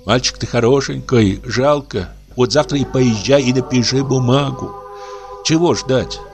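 A man's voice: medium pitch, measured pace, darkish tone, faint music behind, pitched above the performer's own voice, close to an everyday voice. A male reader voicing an anxious older peasant woman who coaxes and pleads in an audiobook. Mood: pleading. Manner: fretful, coaxing, pleading.

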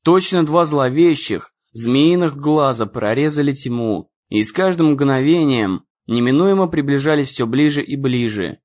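Lively male audiobook narrator. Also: mid-range voice, a little slow, few pauses, highs cut off. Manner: expressive storytelling reading.

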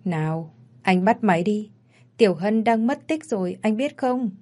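A woman's voice: mid-range voice, animated, normal speed, a little mellow, natural voice. A woman voicing a frightened young woman who pleads and cries out for help. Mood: worried. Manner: pleading, crying out.

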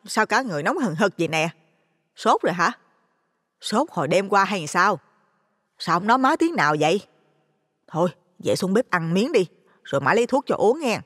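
Storybook role: man doing a brisk, high falsetto village mother, blunt and worried, with a long reverb. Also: big pitch swings, fairly bright tone, breathy edge, studio quality, full character voice.

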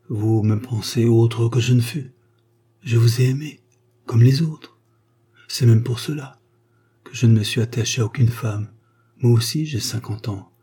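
A quietly devoted gentleman of fifty, as a male reader plays him, speaks gravely and with restraint. His tone is mellow with a husky edge. It is a story read aloud. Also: mid-range voice, close to an everyday voice. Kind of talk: audiobook reading of a short story.

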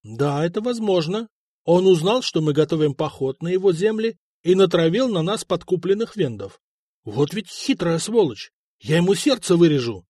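A male narrator puts on a stern old king with grey hair who lays down orders bluntly and scornfully. The voice sits a little high for a man, and the sound is close and dry with no room echo at all. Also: lively intonation, normal speed, mellow, slightly rough. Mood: angry.

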